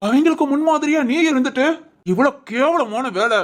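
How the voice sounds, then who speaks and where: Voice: high voice, brisk, close to an everyday voice. An actor playing a stern middle-aged uncle who lectures his nephew in a raised, indignant voice in a village family drama. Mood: angry.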